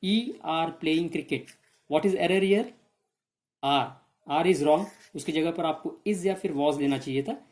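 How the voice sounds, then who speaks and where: Indian teacher explaining English grammar. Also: female voice, low voice, a little mellow. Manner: mixes Hindi and English, calls students "beta", spells out examples slowly. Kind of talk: exam revision lesson.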